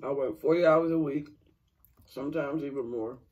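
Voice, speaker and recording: A man's voice: a little high, normal speed, a little mellow, recorded from a distance. A man chatting casually to viewers with his mouth full, chewing while he talks, rambling and searching for words. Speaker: mukbang vlogger.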